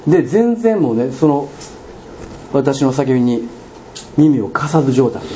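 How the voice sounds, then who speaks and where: A man with a Kansai accent preaching a sermon as a pastor, telling a story with animated sound words and questions to the congregation. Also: medium pitch, unhurried. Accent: Kansai Japanese. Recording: dull lo-fi recording with faint room noise.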